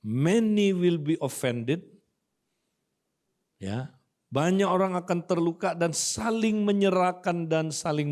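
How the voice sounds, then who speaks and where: An older man preaching a sermon as pastor. He often drops his voice softly at line ends and acts out quoted talk in a gentler tone. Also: fairly high pitch. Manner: addresses listeners as saudara, soft trailing line ends. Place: church auditorium.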